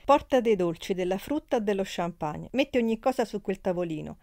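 A woman's voice: mid-range voice, animated, fairly quick, darkish tone, natural voice. A woman voicing a young nobleman who speaks firmly, with an edge of bitterness. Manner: firm, bitter. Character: young count, firm and indulgent.

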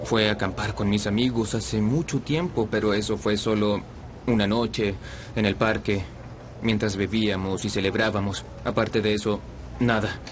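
A man's voice: lowish voice, steady tone, moderate pace, background noise. A man speaking candidly as a participant in a dubbed survival reality show, a little self-deprecating.

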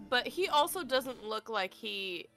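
A woman co-hosting a game stream, talking in a relaxed, dry, playful way. Her pitch moves a lot and sits slightly high. Game music plays behind her. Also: slow. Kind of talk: casual game stream chat.

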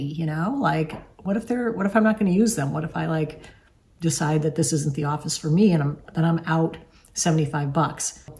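Low-voiced chatty woman vlogging at home. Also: a little mellow. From northeastern United States. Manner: chatty, confiding, many fillers and asides. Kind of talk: casual vlog chat.

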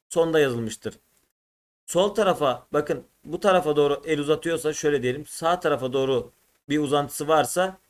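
Male teacher, slightly high voice, patient drill of letters and syllables for students. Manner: addresses students as "arkadaşlar", sounds out letters and syllables slowly one by one. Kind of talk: exam-prep lesson.

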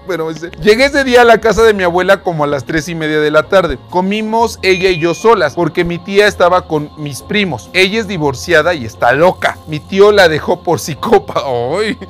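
A man with a Mexican accent, reading chat screenshots aloud and teasing the people in them, laughing often. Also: a little high. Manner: gossipy, teasing, laughs often, voices the messages. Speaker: host reading viewer chats. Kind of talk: casual commentary on chat screenshots.

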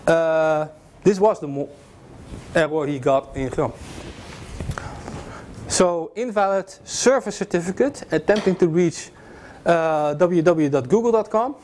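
Speaking unhurriedly and pausing often, a young man with a slightly high, darkish voice gives an informal, jokey security lecture with slides, full of fillers and restarts. He's filmed from afar in a classroom with a projector screen, and there's slight background noise.

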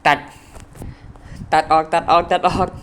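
Excitable male game commentator. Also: a little slow, slight background noise. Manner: chatty, talks to viewers, startled exclamations. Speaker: gaming channel host. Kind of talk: let's play commentary.

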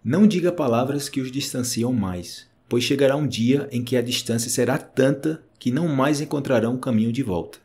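A man with a Brazilian Portuguese accent voicing a wise old male thinker who calmly explains a lesson to his students. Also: mid-range voice, fairly quick, few pauses, lightly acted. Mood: earnest teaching.

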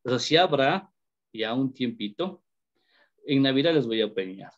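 A man's voice: medium pitch, expressive, measured pace. A man teaching an English class online, switching between Spanish and English and encouraging his students. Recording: dull lo-fi audio.

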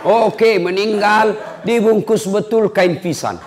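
Playful preacher with a lilt. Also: male voice, high-pitched, takes it slowly. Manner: lively, playful, acts out the voices of characters. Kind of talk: humorous storytelling sermon.

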